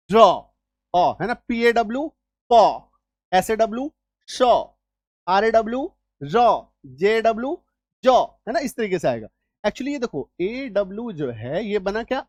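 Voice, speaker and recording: A man's voice: high-pitched, no room sound, clean studio sound. A man teaching English spelling rules in an online lesson, repeating each rule and often checking whether students follow.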